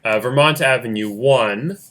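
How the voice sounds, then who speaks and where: A man hosts a fan-made game, calling out rolls and moves in casual play-by-play full of jokey asides. He's chatty and laughs often, and his mid-range voice is unhurried with a fairly bright tone.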